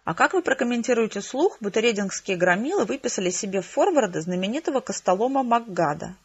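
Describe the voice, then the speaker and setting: Audiobook bit part: woman reads a needling, insistent sports reporter, husky, lo-fi. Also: high-pitched, very animated, quick pace, heavily acted. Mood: pressing. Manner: pressing, insistent questioning. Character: pushy male sports reporter. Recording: slightly muffled lo-fi audio.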